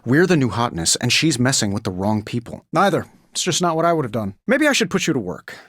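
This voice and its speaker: A man playing a cocky, quick-witted billionaire inventor superhero in a video game, with a glib, sardonic, wisecracking delivery. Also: mid-range voice, sing-song, a bit bright, no room sound, clean studio sound. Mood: upbeat, boastful. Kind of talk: scripted video game voice lines.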